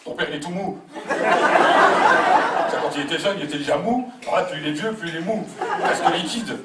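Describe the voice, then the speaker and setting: A man's voice: on the high side, fast talker, over a noisy crowd. A man performing a comic stage monologue as a whiny grown son, acting out his parents' voices. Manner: plays a fifty-two-year-old overgrown son, mock-whiny, acts out both parents. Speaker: stand-up comedian. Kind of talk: live comic monologue in character. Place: theater stage with audience laughter. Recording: echoey live stage from a distant mic, loud audience noise.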